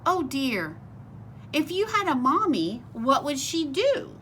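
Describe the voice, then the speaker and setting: A woman reading a storybook as a kindly, motherly bear who speaks in a gentle, soothing way. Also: high-pitched, very animated, takes it slowly, a little hiss or hum, pitched above the performer's own voice, heavily acted. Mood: tender.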